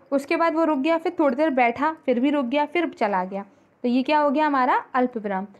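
A high-voiced woman teaches a grammar lesson, patient and methodical. She repeats each point and checks in with her students. The recording sounds a little dull and lo-fi. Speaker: school teacher.

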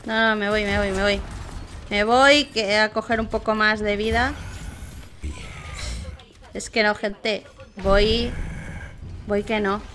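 A woman from Spain commenting casually on her own gameplay, chatting with viewers and crying out loudly when things go wrong. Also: medium pitch, steady tone, slow pace, pauses often, slight background noise. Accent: Spain Spanish. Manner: chatty, reacts loudly with exclamations and cries for help. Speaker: gaming streamer.

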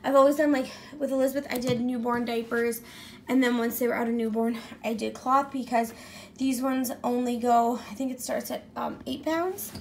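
A woman's voice: a little high, fairly even intonation, normal speed, gravelly, a little hiss or hum. A pregnant woman giving a casual vlog tour of her home, rambling with many ums and likes as she walks from room to room. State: pregnant, at times out of breath. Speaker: vlogger. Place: indoors at home, walking room to room.

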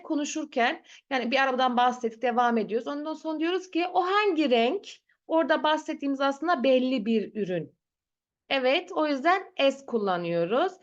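A woman's voice: high voice, a bit bright, highs cut off. A woman teaching a language class, patiently repeating words and drilling pronunciation in an online lesson. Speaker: German teacher. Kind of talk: slow teaching with repetition.

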